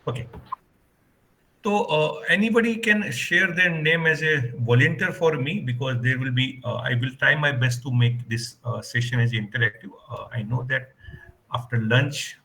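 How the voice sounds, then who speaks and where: A man lectures through a video call. He is courteous and unhurried, filling gaps with little hesitations as he gathers his thoughts. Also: mid-range voice, gravelly, sharp tone, a little hiss or hum, rough recording. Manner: polite, hesitant, many fillers. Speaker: guest lecturer. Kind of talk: online lecture.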